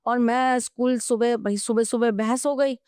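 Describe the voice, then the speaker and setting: Clear-voiced woman telling stories on a podcast. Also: fairly high pitch, moderate pace, dry recording, studio quality. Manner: animated storytelling, anecdotes from her own life; advising, earnest. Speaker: astrologer, podcast guest. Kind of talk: podcast interview.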